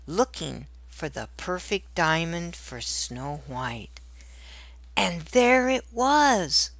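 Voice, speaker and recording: A woman reads a children's storybook aloud, deliberate and expressive in her storytelling. Her voice is medium-pitched, with no echo.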